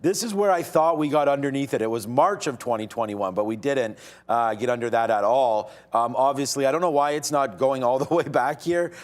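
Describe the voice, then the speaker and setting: A man's voice: medium pitch, a little fast. A man hosting a day-trading livestream, giving casual, informal commentary as he thinks aloud. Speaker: day trader and livestream host.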